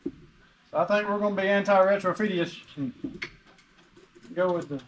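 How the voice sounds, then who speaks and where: Man, folksy and joking, fairly high voice, faint hiss behind. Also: moderate pace, low-quality recording. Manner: folksy, joking, gives practical tips. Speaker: custom shop owner, co-host. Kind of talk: casual shop vlog talk. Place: auto shop garage.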